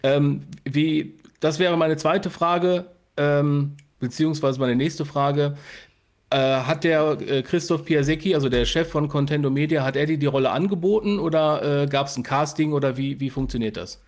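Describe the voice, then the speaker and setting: A podcast host conducts a casual interview, feeling his way through sentences and correcting himself as he goes. His voice sits on the high side at a moderate pace.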